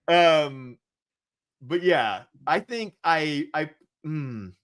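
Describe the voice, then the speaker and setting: A man co-hosts a casual chat with a candid, rambling delivery. He fills pauses freely and breaks into laughter mid-sentence. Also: a little high, lively intonation, a bit bright. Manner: rambling and candid, with frequent fillers; laughs often while talking. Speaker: co-host.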